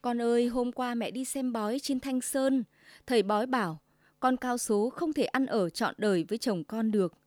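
A woman voicing a harsh, domineering old mother-in-law with a shrill, commanding way of talking, in a storybook tale. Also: normal speed, darkish tone, no echo, close to an everyday voice. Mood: wheedling. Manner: shrill, commanding, sugary then scolding.

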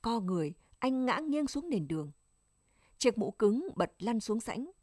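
A woman reading a serialized novel aloud, in measured, emotive storytelling. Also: on the high side, sing-song, a little mellow, no echo, studio quality. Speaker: audiobook reader. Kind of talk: scripted novel narration.

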